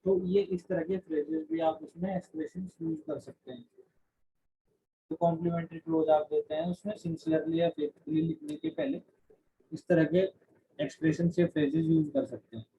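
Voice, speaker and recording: A man's voice: a little high, sing-song, normal speed, gravelly, warm tone, slight background noise. A man teaching a class, explaining in Hindi mixed with English terms and often restarting his sentences. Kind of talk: classroom lecture. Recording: dull lo-fi recording.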